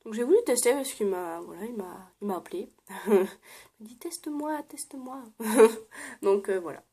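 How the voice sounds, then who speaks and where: A woman's voice: mid-range voice, normal speed, slight background noise. A young woman chatting casually as she shows things to her viewers, with many fillers and frequent laughs. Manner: chatty, many "euh" fillers, laughs often, drops to soft murmurs. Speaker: beauty vlogger. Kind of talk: casual show-and-tell vlog.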